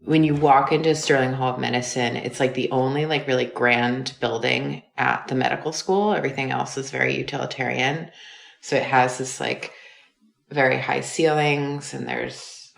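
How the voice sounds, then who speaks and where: A woman's voice: rumbling low, fairly even intonation, normal speed, vocal fry, roomy sound. A young woman, a former medical student, recounting experiences in a casual, chatty interview full of fillers. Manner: chatty, uses many fillers.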